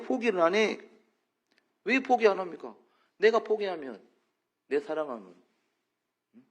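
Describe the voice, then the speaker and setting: A man preaching as pastor in a church, animated and questioning, acting out short quotes for the congregation. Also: a little high. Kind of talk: sermon.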